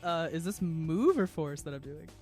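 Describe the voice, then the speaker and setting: A man playing a tabletop game, chatting casually with boisterous, excitable energy. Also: a little high, normal speed, soft background music.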